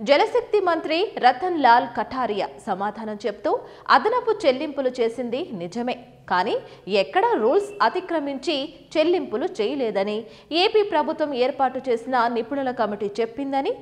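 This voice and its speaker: A woman in her thirties, a news anchor, reading scripted political news in a brisk, dramatic way. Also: sits high, in a large hall. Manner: standing presenter, brisk dramatic delivery. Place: virtual news studio set.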